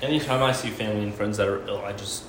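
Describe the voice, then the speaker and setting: A man's voice: lowish voice, fairly even intonation, fast, fairly bright tone, echoey room, slight background noise. A man chatting casually on a podcast, playfully indignant and sarcastic. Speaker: podcast co-host. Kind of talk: casual chat.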